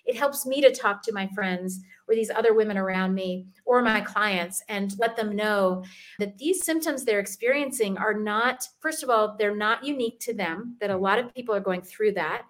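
A middle-aged woman who works as a fitness expert talks as a guest in a casual interview, her voice medium-pitched and her pace moderate. She comes across earnest and chatty, with frequent ums and restarts.

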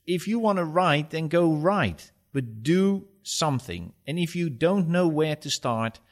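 A man with a Dutch accent answering conversationally as a podcast guest, direct and instructive. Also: fairly high pitch. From Netherlands. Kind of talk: conversational interview.

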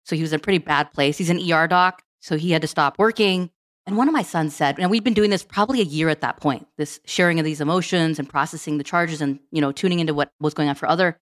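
A middle-aged woman telling stories as a podcast guest, acting out quoted dialogue as she goes. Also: low-pitched. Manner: fast, animated storytelling with quoted dialogue. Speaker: guest, program management director. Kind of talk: storytelling in a podcast interview.

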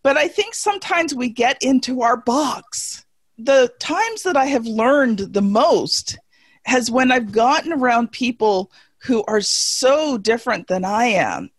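A woman's voice: a little high, no echo. Emphatic woman in her forties on a video call. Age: 40s. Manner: emphatic, folksy and self-deprecating. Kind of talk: casual panel chat.

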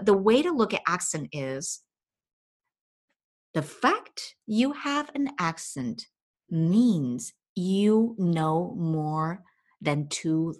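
A woman with a heavy Chinese accent, talking as a language coach and giving casual, chatty advice. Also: lowish voice. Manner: animated, chatty, frequent fillers.

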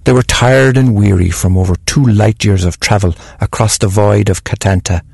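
A man hosting a show who reads short stories aloud in a calm, unhurried storytelling manner. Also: on the low side, vocal fry, husky, dry recording, studio quality. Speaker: host and storyteller.

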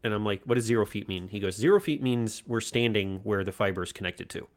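Low-voiced man telling a story. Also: quick pace. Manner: animated anecdote telling, acts out quoted voices. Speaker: podcast co-host. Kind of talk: casual storytelling chat.

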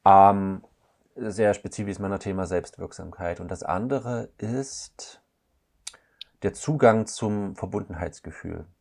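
Deep gravelly guy, counselor on a podcast, slow and thoughtful, lots of little pauses. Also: a little mellow. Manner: thoughtful, searching, frequent hesitations. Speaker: couples counselor guest. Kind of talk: reflective podcast conversation.

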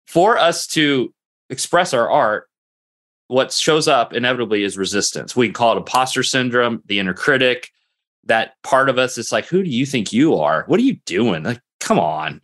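Reflective man hosting a chat show. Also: medium pitch. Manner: reflective, energetic, rephrases often with fillers. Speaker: podcast host. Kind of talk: casual conversational interview.

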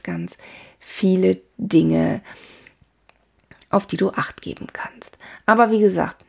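Female coach, unhurried spoken lesson, gravelly, plenty of fillers. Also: medium pitch. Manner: calm, talks to the listener directly, many "ne?" tags and fillers. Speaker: body language coach. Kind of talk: spoken lesson on body language.

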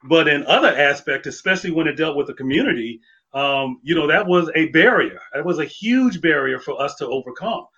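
A man's voice: fairly high pitch, expressive, fairly quick, pushed and bright, lo-fi sound. A man who used to be a police officer, talking casually and thoughtfully, with many fillers and restarts. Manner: reflective, full of fillers and restarts. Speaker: former police officer guest. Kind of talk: casual conversation.

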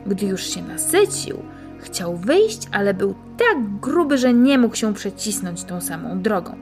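A woman reading a fairy tale aloud and then reflecting on it in a calm, measured, gently instructive way. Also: mid-range voice, music in the background. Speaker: storyteller and spiritual teacher.

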